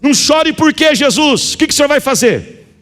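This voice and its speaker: A bewildered, grieving widow pleads and questions, her voice pushed up high and imploring, as a Brazilian Portuguese preacher puts her on. The sound carries a long hall reverb with faint music underneath. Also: animated, a little fast, fairly bright tone. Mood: pleading.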